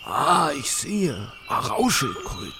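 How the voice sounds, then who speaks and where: An actor playing a kindly old village elder who leans on a cane and speaks in a gentle, patient, teaching tone with a gravelly voice. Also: male voice, medium pitch, very animated, takes it slowly, background noise. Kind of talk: audio drama acting. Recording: background music bed.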